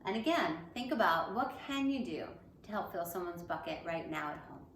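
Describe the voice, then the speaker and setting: A woman teacher at an elementary school reads to young children and chats with them, using simple, encouraging phrases during a picture book read-aloud. Her lowish voice is animated and a bit bright at a moderate pace. The echoey room carries faint background noise.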